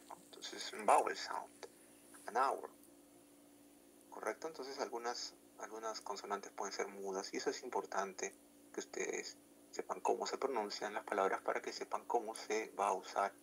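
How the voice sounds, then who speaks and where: A man's voice: on the low side, gravelly, a bit bright, a little hiss or hum, rough recording. A man teaching an English grammar lesson, explaining step by step and often checking that students follow.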